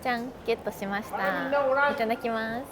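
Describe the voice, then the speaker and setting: A woman chatting casually through a travel vlog, playful and quick with self-deprecating jokes while she walks around sightseeing. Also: a little high, steady tone. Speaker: travel vlogger. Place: out and about sightseeing in a city. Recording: background music under voice.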